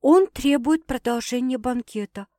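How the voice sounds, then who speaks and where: A woman reading aloud puts on a flustered young woman confessing to her sister, sardonic and quick to swear. The voice sits fairly high and dry, close to the mic. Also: dark tone, no echo. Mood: rattled. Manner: exasperated, sardonic retorts with profanity. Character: young woman Sasha, rattled, sardonic and embarrassed.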